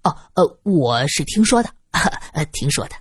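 A woman's voice: low-pitched, big pitch swings, moderate pace, husky, dry recording, studio quality, pitched below the performer's own voice, full character voice. A woman voicing a handsome young policeman who talks glibly with mock politeness in an audio story.

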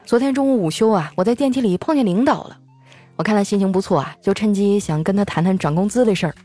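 A comedy radio host, a woman with a medium-pitched voice, delivers a scripted comic monologue at a fast clip. She tells her stories in an animated way, acting out quoted lines in raised voices.

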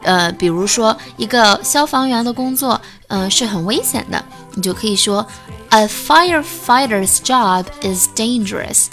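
A woman English teacher explaining everyday phrases in Chinese, repeating each English line slowly and carefully as a pronunciation model. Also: a little high, animated, a bit bright, soft background music.

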